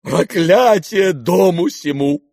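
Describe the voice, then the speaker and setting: A man's voice: high-pitched, animated, takes it slowly, gravelly, a little mellow, no echo, studio quality, pitched above the performer's own voice, full character voice. A man voicing an old disgraced general in an audiobook, rambling and sentimental, given to theatrical outbursts. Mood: grandiose. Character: old drunken disgraced male general, maudlin and boastful. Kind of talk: audiobook character reading.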